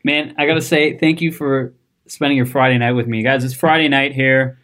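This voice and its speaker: A man's voice: medium pitch, fairly even intonation, fairly quick, fairly bright tone. A man from Canada hosting a podcast interview in an office, upbeat and joking, laughing often. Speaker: podcast host. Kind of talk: casual interview chat.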